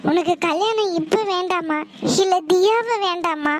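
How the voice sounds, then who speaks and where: A woman's voice: extremely high pitch, a little slow, noisy background. A woman voicing a pleading village mother. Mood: coaxing. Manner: coaxing, pleading. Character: worried village mother coaxing her son.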